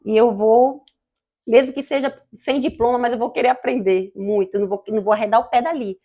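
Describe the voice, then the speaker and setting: A woman's voice: fairly high pitch, steady tone, a little fast, dark tone. A woman with a Brazilian Portuguese accent giving an informal, fervent church sermon in a conversational, digressive way. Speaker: church member preaching.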